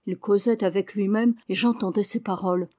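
A man's voice: sits high, steady tone, fairly quick, darkish tone, dry recording. A woman reads as a devoted young woodcutter son, earnest and eager, answering his father plainly. He is simple and loyal, in a storybook read aloud. The sound is close and dry. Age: young adult.

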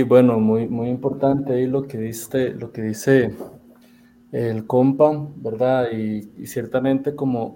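A man hosting a talk in a relaxed, easygoing way, with filler words. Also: mid-range voice, slight background noise. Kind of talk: conversational radio talk.

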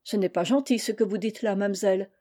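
A woman's voice: medium pitch, fairly even intonation, a little fast, dark tone, close to an everyday voice. A woman voicing a good-natured peasant boy with simple, polite country speech in an audiobook reading.

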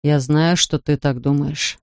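A narrator voicing a grieving father who talks softly, slowly and tenderly to his daughter. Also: steady tone, clear, resonant tone, no room sound, clean studio sound, lightly acted. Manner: soft, low and slow, pleading. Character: grieving gentle father, a big man. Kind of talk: audiobook character voice.

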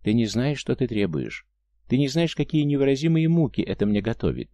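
A man's voice: mid-range voice, very animated, fairly quick, mellow, no room sound, pitched above the performer's own voice. A man reading an audiobook voices a proud, tender Martian woman, pleading earnestly with her raised tone. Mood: sorrowful.

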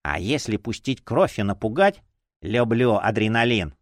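A man's voice: fairly low pitch, animated, moderate pace, dry recording, studio quality, natural voice. A man voicing a predatory living playing card that speaks gleefully and hungrily for its deck in an audiobook.

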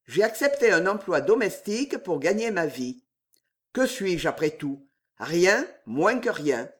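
A man's voice: high-pitched, sing-song, measured pace. A man reading an audiobook, voicing a proud, brooding young male servant who speaks with an intense, fierce timidity. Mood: restrained.

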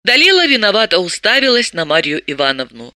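Audiobook narrator, animated pitch, bright voice, dry close recording. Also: fairly quick, dry recording. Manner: expressive, lively storytelling. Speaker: audiobook reader.

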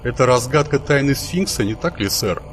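A man doing a higher, fussy archangel. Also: animated, normal speed, soft background music, natural voice. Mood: puzzled. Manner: polite, dutiful, calls his master sir. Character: fussy, deferential male archangel servant.

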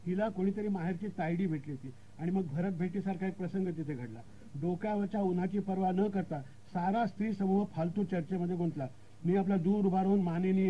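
A man narrating a humorous story with wry comic commentary, on a dull lo-fi recording. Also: high-pitched.

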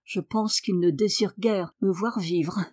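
A woman's voice: medium pitch, steady tone, takes it slowly, a little mellow, slightly rough, no echo, clean studio sound. Woman reading as a weary sickly boy. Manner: weary, sullen. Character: sickly boy, moody and listless. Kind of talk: audiobook character reading.

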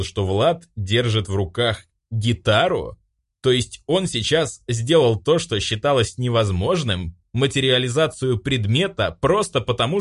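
A man reading an audiobook aloud with expressive storytelling. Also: mid-range voice. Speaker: audiobook narrator. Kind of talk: audiobook narration.

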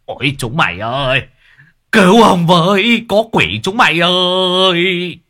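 A man's voice: extremely low pitch, normal speed, fairly bright tone, husky, no room sound, clean studio sound, pitched below the performer's own voice, exaggerated voice. A man voicing a panicky, bullying old village landlord, shrieking when scared and growling when cross. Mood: terrified.

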